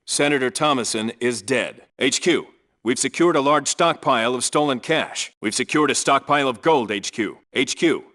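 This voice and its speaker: Medium in pitch and fairly bright, close to an everyday voice, this man speaks at a moderate pace. He plays a disciplined special forces squad leader in a military game, giving clipped, authoritative orders and radio reports in a crisp, businesslike way.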